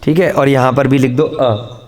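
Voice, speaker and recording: A man's voice: mid-range voice, fairly even intonation, moderate pace, darkish tone. A man teaching a classroom lesson, quizzing his students with repeated questions and answering them himself. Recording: long hall reverb.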